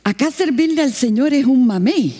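A woman preaching a sermon, telling a missionary story and acting out the voices in it. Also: moderate pace. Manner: lively, acts out quoted voices with big pitch jumps.

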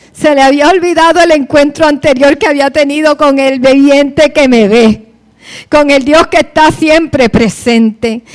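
Woman preacher, high voice, reads the bible then preaches, gets fired up. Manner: reads scripture then preaches with rising passion. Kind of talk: sermon.

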